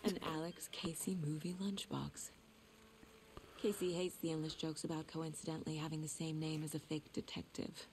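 An actress playing a focused female FBI agent in a video game, musing to herself in a hushed manner. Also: sits low, little pitch movement, moderate pace, a little hiss or hum, poor audio.

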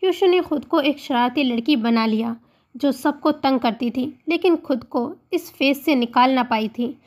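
A woman narrating a romantic audiobook novel in a steady reading voice. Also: high-pitched, a little slow. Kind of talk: scripted storybook narration.

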